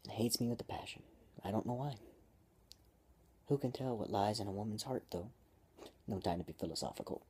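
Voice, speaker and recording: Husky man reading his own story. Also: fairly low pitch, brisk, long pauses, mellow. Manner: breaks off to joke and comment on his own writing. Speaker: amateur writer and vlogger. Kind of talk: reading own story aloud with casual asides.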